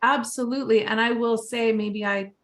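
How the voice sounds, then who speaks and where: A woman's voice: fairly high pitch, steady tone, normal speed. A woman speaking as a teacher and education consultant on a panel, earnest and emphatic as she advocates for students. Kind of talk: panel discussion.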